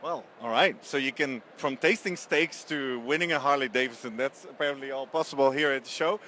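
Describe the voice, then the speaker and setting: A man's voice: medium pitch, a little fast, pushed and bright, slight background noise. A man roving a trade show floor and interviewing exhibitors live, chatty and upbeat with frequent restarts. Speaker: event reporter.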